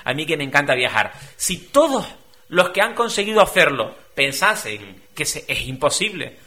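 A middle-aged man from Spain talks as a guest on a radio talk show. His voice is bright and forceful and sits a bit high for a man. He keeps it animated and conversational, with lots of rhetorical questions and playful quoted voices. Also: moderate pace. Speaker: guest speaker.

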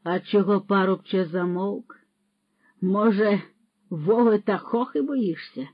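A narrator voicing a pompous male horse thief who lectures loudly and scatters Latin words, on a dull, dry recording. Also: mid-range voice, slow, no echo. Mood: lecturing. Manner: lecturing, scolding, loud.

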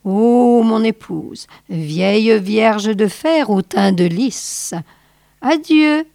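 A woman's voice: fairly high pitch, slow pace, a little mellow, no echo, clean studio sound, pitched above the performer's own voice. A woman reading aloud and voicing an old husband in a storybook tale, grand and bitter in his farewells. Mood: solemn.

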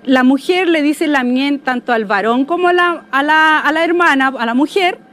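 A woman's voice: sits high, normal speed, fairly bright tone, a little hiss or hum. A woman giving a spoken language lesson, patiently repeating each word and checking that listeners follow. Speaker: Mapuche language teacher.

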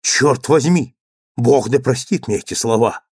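A man reading an insistent gentleman suitor. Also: mid-range voice, a little slow, breathy edge, no echo, studio quality. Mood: passionate. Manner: pleading, then passionate outbursts.

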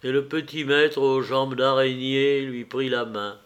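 A man reading a classic fantastic tale aloud in a measured, expressive way. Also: medium pitch. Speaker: audiobook reader. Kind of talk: literary audiobook narration.

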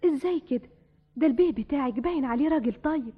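An actress playing a stifled young orphan woman with an Egyptian accent, talking fast and emotionally in an old radio drama. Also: high-pitched, lively intonation. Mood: tearful. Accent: Egyptian Arabic. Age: young adult. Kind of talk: vintage radio drama acting. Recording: dull lo-fi archive radio recording.

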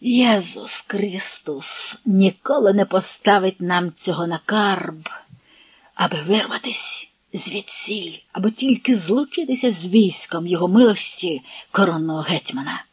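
A man voicing a scheming middle-aged noble commissioner who talks gloomily and with quiet gloating, reading aloud from a storybook. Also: high-pitched, unhurried, no echo, highs cut off. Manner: gloomy, gloating, smooth-talking.

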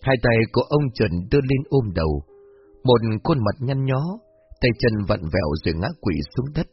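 A man narrating a spooky story in a steady, even storytelling voice. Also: medium pitch, moderate pace, slightly rough, muffled recording, faint music behind.

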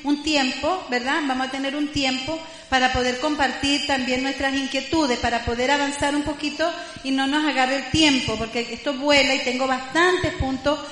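A woman gently leading a religious class, addressing her listeners tenderly. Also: high-pitched, fairly even intonation, moderate pace, hardly any pauses. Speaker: class teacher. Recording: echoey hall with long reverb.

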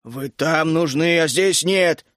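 A gruff, grumpy middle-aged dragon keeper, put on by a male audiobook narrator, grumbling and scolding with sudden hot outbursts. The voice sits lower than his narration and is recorded close and dry. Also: lively intonation, normal speed, dry recording. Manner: grumbling, scolding, bursts out hotly. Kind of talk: audiobook character voice.

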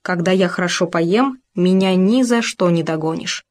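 A woman's voice: fairly low pitch, moderate pace, a little mellow, close to an everyday voice. A woman reading a storybook, voicing a stingy, bossy male hare who blurts out answers.

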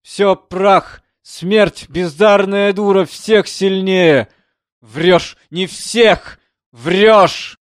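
A man's voice: medium pitch, fairly even intonation, normal speed, no room sound, natural voice. Give me a man playing an anguished drunk composer in an audiobook, despairing, with a dry voice. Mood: raging. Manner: anguished confession rising to frantic shouting. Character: drunk, broken older male composer, desperate. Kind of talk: audiobook character reading.

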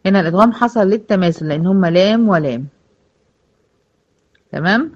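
A woman's voice: mid-range voice, animated, brisk, darkish tone. An Egyptian woman gives a tajweed lesson to her female students. She speaks patiently, poses questions and then answers them herself. The recording sounds muffled and lo-fi. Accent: Egyptian Arabic. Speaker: Quran recitation teacher.

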